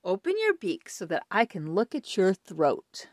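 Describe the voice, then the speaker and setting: A woman voicing a kind, calm woman doctor in a storybook, gentle and reassuring. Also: medium pitch, measured pace, dry recording, studio quality.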